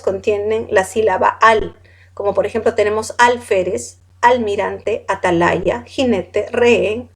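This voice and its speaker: Slow-paced woman teaching a class. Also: a little high. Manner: lists words one by one, corrects pronunciation; asks students questions. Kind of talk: classroom lecture.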